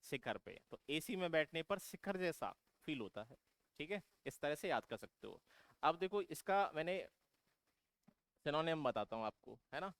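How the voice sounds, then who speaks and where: A man's voice: fairly high pitch, big pitch swings, normal speed, a bit bright, clear, resonant tone, no room sound. A man teaching exam vocabulary who keeps asking his students questions and then answering them himself, calling them "beta". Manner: repetitive, drilling explanation. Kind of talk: vocabulary lesson for exam prep.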